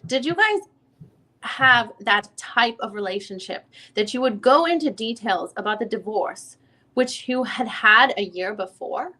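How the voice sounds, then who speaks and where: A woman gives a dramatic legal-transcript reading as a lawyer questioning a witness at a deposition, formal, methodical and probing. Her voice is a little high and sharp, and she takes her time.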